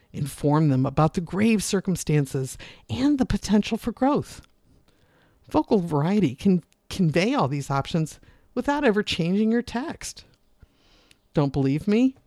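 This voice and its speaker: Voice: medium pitch, no echo, clean studio sound. A public speaking teacher giving a scripted lesson, shifting tone often to demonstrate points. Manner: expressive, varies voice to demonstrate points. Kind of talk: scripted instructional narration.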